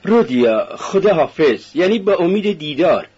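A tender, worried older mother speaks in a lifted, husky voice, as a man reading the story puts her on. She fusses over her grown son with gentle insistence. The recording sounds dull and lo-fi. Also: a little high, sing-song, pitched above the performer's own voice, full character voice. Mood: fussing, tender. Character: older woman, a loving anxious mother.

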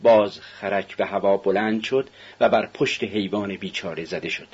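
A man's voice: fairly low pitch, breathy edge. A man narrating a novel as an audiobook, telling it steadily and evenly. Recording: dull, muffled recording.

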